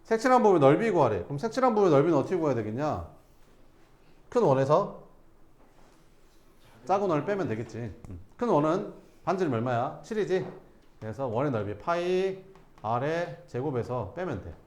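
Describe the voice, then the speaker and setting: A man's voice: a little high, very animated, fairly quick, long pauses, darkish tone, echoey room. A male math teacher giving a classroom lesson, casually questioning students and answering himself.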